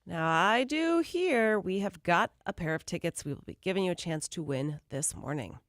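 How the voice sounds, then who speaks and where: A woman's voice: fairly low pitch, animated, normal speed, dry recording, clean studio sound. A woman radio co-host delivering a contest promo on a morning show. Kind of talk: radio entertainment news chat. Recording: music behind.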